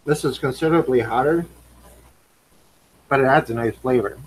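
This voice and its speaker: A man's voice: medium pitch, moderate pace, a little hiss or hum, low-quality recording. A man hosting a casual live stream, chatting while he eats and tastes snacks. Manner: chatty, talks while eating and tasting. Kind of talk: casual chat.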